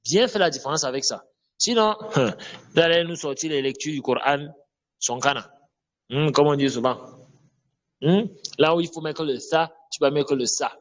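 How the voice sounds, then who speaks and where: A man teaching Quran recitation, slowly repeating letter sounds and checking in with listeners. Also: on the high side. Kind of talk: spoken lesson on Arabic letter pronunciation.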